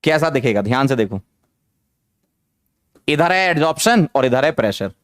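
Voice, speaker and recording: A man teaching chemistry in an online lecture, energetic, firing questions at students and repeating phrases to drive points home. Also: mid-range voice, moderate pace, dry recording, clean studio sound. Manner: mixes English terms into speech.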